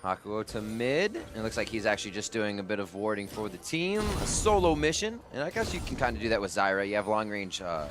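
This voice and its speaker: Low-voiced man calling esports play-by-play. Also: music in the background. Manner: brisk, energetic play-by-play calls. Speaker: esports commentator. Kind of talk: live esports play-by-play commentary.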